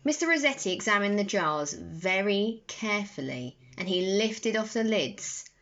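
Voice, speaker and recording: A mid-range voice belongs to a young woman reading a children's bedtime story with slow, deliberate, animated delivery. She recorded it on a phone held at arm's length in her bedroom, and the audio is a touch dull.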